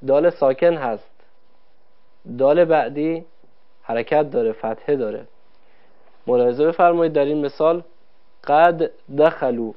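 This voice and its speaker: A man's voice: fairly high pitch, clean tone. A man teaching Quran recitation rules in a formal televised lesson, polite and explaining step by step with questions to viewers. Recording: dull lo-fi broadcast audio.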